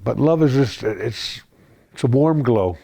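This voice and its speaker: Brief: older man, mellow and dark in tone, soft-spoken interviewee reading his own notes. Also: medium pitch, expressive, measured pace, vocal fry, a little hiss or hum. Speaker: husband interviewed in a news feature.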